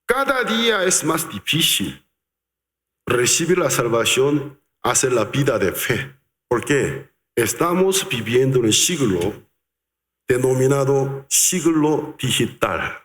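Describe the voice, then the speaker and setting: A male pastor preaching a sermon, speaking slowly and with emphasis, stretching out key words. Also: mid-range voice, very animated, a bit bright. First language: Korean. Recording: reverberant church hall.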